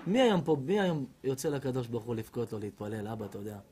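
A man's voice: medium pitch, husky. A man giving a humorous sermon as a rabbi, telling stories animatedly and acting out other people's voices. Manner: animated comic storytelling, acts out women's voices.

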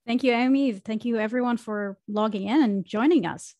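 A woman's voice: a little high, normal speed, darkish tone, dry recording. A woman, a podcast guest reflectively telling her career story with fillers and restarts, speaking into a studio microphone on a video call from a small home room. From Israel. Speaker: podcast guest, marketing consultant. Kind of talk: casual interview conversation.

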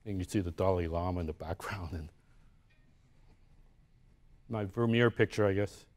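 Lecturing live in a university room about the art he made, this man has a low-pitched, darkish voice and a moderate pace. He chats conversationally, restarts often as he thinks aloud, and keeps asking "right?".

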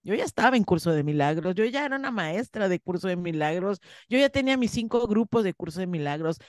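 A woman's voice: medium pitch, lively intonation, fast talker, no echo, clean studio sound. A woman, a guest in an interview, earnestly telling a personal story and acting out her own past words. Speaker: interview guest, spiritual course teacher.

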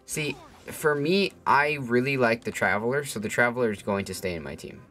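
A man's voice: mid-range voice, normal speed, sharp tone. A young man livestreaming a game, chatting casually and joking with chat and friends, swearing freely. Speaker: streamer.

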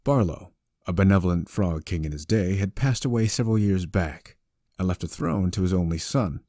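A male narrator tells a story with a wry, conversational delivery. His voice is deep and mellow, and it is recorded close and dry. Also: lively intonation, normal speed, no echo. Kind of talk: scripted audiobook narration.

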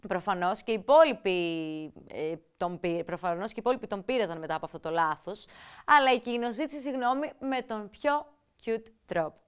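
A woman hosting a TV show, presenting in an upbeat, energetic scripted way and mixing in English words. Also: mid-range voice, clean tone. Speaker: TV show host.

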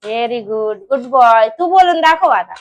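High-voiced young mother chatting while cooking. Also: animated, takes it slowly. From Maharashtra. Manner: coaxing and scolding small children while cooking, softer asides to viewers. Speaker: vlogger and mother. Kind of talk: casual cooking vlog chat.

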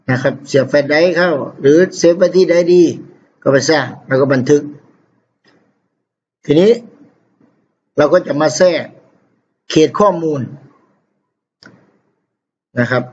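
A male teacher talks students through a software task one step at a time. His voice sits a little high and his pace stays unhurried. The sound is dull and lo-fi, like a screen-capture recording. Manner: unhurried, explains step by step with frequent polite particles.

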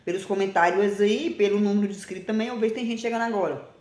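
A woman in her forties talking bluntly and emphatically to a phone camera, often ending phrases with a quick question. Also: mid-range voice, steady tone, darkish tone, roomy sound. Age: 40s. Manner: blunt, emphatic, repeats herself, frequent "tá?". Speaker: vlogger. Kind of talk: casual direct-to-camera talk. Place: small indoor room with plain wall.

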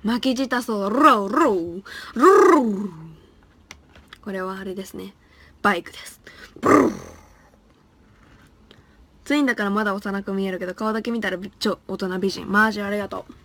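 A woman's voice: mid-range voice, fairly even intonation, quick pace, heavy background noise. A young woman in her twenties hosting a casual live stream, reading viewer comments aloud, laughing often and stumbling over tongue twisters. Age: young adult. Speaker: live-stream idol host.

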